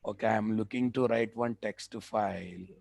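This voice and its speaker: A man with a Telugu Indian accent giving a live software tutorial as a trainer, repeating phrases for emphasis and checking that the class follows. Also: fairly low pitch, steady tone, moderate pace, gravelly, dry recording.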